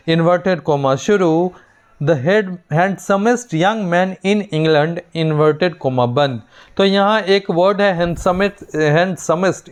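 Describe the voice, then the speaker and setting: A young man teaching a poem, his voice a little high and very clean and smooth. He dictates English lines at a slow, careful pace and switches to quicker Hindi to explain them. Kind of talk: classroom lecture mixing Hindi and English.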